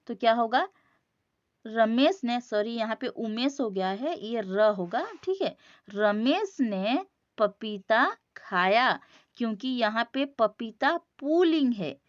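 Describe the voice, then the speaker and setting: A woman with an Odia accent teaching a grammar lesson, slowly working through exercises, repeating each answer and checking whether her students follow. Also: a little high, dry recording, muffled recording.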